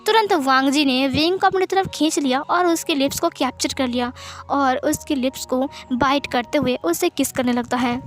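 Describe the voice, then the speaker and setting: A woman narrating a romance fan story aloud for her channel, in a plain, even storytelling manner. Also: sits high, moderate pace. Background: faint music.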